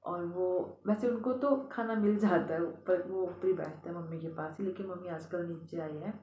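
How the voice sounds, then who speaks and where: A woman from India talks casually to her phone camera at home, homely and quick to laugh. A slight cold leaves her throat a bit rough, and her fairly low voice rings in a roomy space with faint noise behind it. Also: fairly even intonation, dark tone. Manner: chatty, homely, laughs easily. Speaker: family vlogger. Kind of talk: casual vlog chat.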